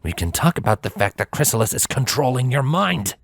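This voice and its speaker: A man's voice: medium pitch, very animated, fairly quick, vocal fry, dry recording. A man reading a storybook, voicing a protective young stallion who talks in a growling, defiant way. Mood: low.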